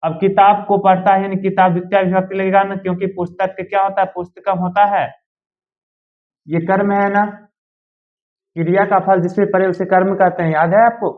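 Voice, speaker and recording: A male teacher with a fairly high voice works through a grammar lesson one step at a time. He keeps pausing to ask his students whether it is clear. The recording sounds dull and lo-fi. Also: flat delivery. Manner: explains step by step and keeps checking if students follow.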